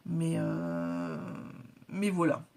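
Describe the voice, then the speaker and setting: A woman's voice: low-pitched, very animated, drawn-out words, creaky, a little mellow. A woman from northern France chatting casually through an unboxing vlog, with many hesitations and the product names whispered. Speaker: vlogger.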